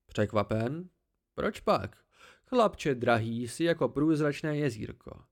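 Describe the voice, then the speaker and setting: A man's voice: mid-range voice, expressive, lightly acted. A man voicing an ancient, haughty tree-spirit oracle with a cold, dry, disdainful voice.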